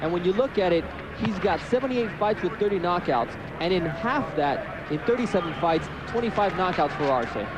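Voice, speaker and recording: Male fight analyst, high register, live ringside commentary with clear background noise. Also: lively intonation, normal speed, few pauses. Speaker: boxing color analyst. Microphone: ringside broadcast microphone.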